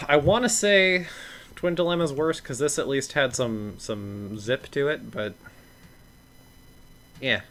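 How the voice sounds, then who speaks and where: A man's voice: mid-range voice, takes it slowly, long pauses, fairly bright tone, a little hiss or hum. A man co-hosting a casual podcast chat, blunt and ranting, swearing freely and laughing between points. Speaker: podcast co-host.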